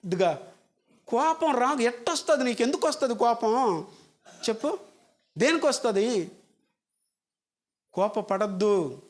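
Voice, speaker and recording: A man's voice: very high-pitched, expressive, takes it slowly, pauses often. A male pastor, preaching a sermon and firing rhetorical questions at his congregation in an emphatic, scolding way.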